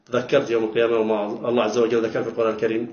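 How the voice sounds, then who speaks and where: A man's voice: mid-range voice, monotone, racing, a little mellow, echoey room, muffled recording. A man telling his own near-death story with dramatic emphasis, repeating words and pleading with his listeners. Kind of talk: emotional personal testimony. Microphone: phone.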